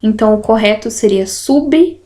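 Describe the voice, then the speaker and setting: A woman teacher with a slow, didactic way of talking, going through exercises in a lesson and stretching out syllables to make her points. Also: on the high side, darkish tone. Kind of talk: explanatory lesson, correcting exercises.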